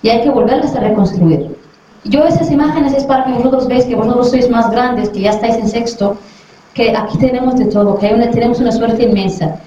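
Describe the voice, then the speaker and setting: In a dull, lo-fi recording that's very echoey and taken far from the mic, a middle-aged dentist from Western Sahara talks warmly to a school class and asks the children questions as she goes to check their understanding. Her fairly high voice is brisk and dark-toned, with a little hiss or hum.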